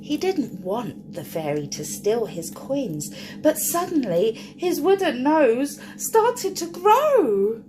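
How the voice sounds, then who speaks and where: A children's storyteller reads a picture book aloud to young kids, her high voice very animated as she stretches out key words and talks directly to her listeners. She reads slowly with few pauses, and there is background noise.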